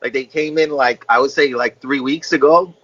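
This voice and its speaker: A man with a bright, forceful voice rambles and teases, piling up "like" and "you know" as he riffs over a video call. The audio is dull and lo-fi, like a home video chat. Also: mid-range voice, steady tone, moderate pace. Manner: rambling, teasing, heavy use of filler "like". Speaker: comedian. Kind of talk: comedic video-call banter. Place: indoor room at home.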